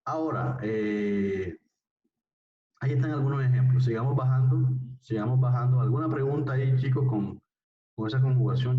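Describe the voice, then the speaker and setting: A man teaching a language class, patiently repeating phrases and often checking that his students follow. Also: lowish voice. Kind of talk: classroom lesson. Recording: distant, roomy, dull sound.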